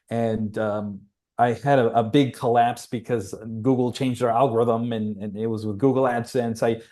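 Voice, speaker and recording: A man's voice: mid-range voice, dark tone. A man in his forties, a podcast guest telling a personal story in a reflective, rambling way with frequent restarts. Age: 40s.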